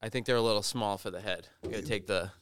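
A man co-hosting a trade podcast, chatting casually and teasing his co-host in quick back-and-forth banter. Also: lowish voice, a little hiss or hum.

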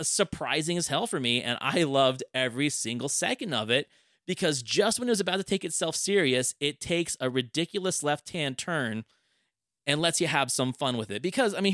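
A man hosting a podcast, chatting casually with enthusiastic, animated storytelling. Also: on the high side, no echo, clean studio sound. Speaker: podcast host. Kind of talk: casual chat.

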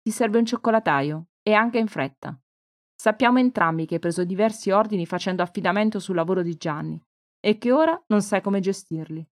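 A woman reading the lines of a lively, warm-hearted woman who runs a bed and breakfast, in an audiobook. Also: mid-range voice, a little fast, no echo, clean studio sound, natural voice. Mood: cheerful.

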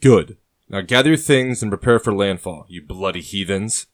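A man's voice: on the low side, moderate pace, no echo, clean studio sound, lightly acted. A man voicing a fierce, smug middle-aged major general who barks orders at his soldiers. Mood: commanding. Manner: commanding, barking orders.

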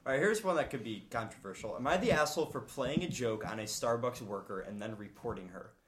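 A man on a casual podcast, reading a listener's post aloud in a steady, matter-of-fact way. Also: medium pitch, quick pace, noisy background.

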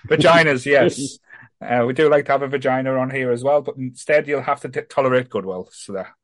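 A man's voice: medium pitch, fairly quick, dry recording. A man hosting a podcast in casual chat, rambling and self-deprecating. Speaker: podcast host.

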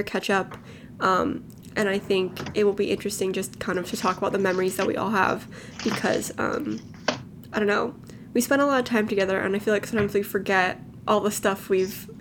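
A woman's voice: mid-range voice, slight background noise. A nineteen-year-old woman from California, co-hosting a podcast in a casual, rambling chat full of "like" and "um". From Los Angeles, California. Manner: rambling, filler-heavy, lots of "like" and "um". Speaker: podcast co-host. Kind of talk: casual chat among friends. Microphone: home podcast mic, lo-fi.

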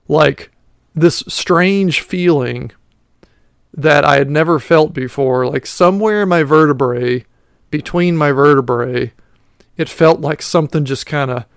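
A man in his late thirties talks through a casual solo podcast. He rambles and pokes fun at himself, with plenty of fillers along the way. His voice is smooth and resonant, recorded dry and close to the mic. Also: on the high side, no echo. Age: 30s. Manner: rambling and self-mocking, with many fillers. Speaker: podcast host.

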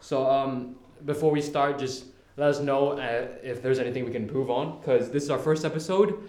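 A man's voice: medium pitch, steady tone, moderate pace, darkish tone. A teenage boy from Hong Kong, co-hosting a school podcast in a laid-back, joking way. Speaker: podcast co-host. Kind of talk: casual chat. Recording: echoey room.

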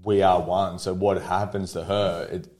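A man's voice: deep voice, flat delivery, measured pace, a little mellow. Open, storytelling Australian man in his thirties. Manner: open, storytelling, laughs easily. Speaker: podcast guest. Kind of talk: casual conversation.

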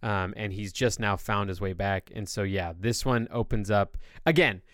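Smooth low-voiced man explaining at length. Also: moderate pace, no room sound, studio quality. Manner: long-winded enthusiastic explaining. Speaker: podcast host. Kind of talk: casual chat.

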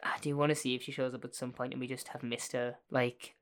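A woman co-hosting a casual podcast chat, excitable, jokey and gushing, with a cartoonish voice. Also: extremely low pitch, quick pace. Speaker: podcast co-host. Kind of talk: casual chat about a TV series.

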